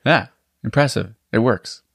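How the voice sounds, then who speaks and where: A man hosting a podcast interview, asking quick, curious questions and laughing often in casual chat. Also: medium pitch, creaky, fairly bright tone, dry recording, studio quality. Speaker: podcast host.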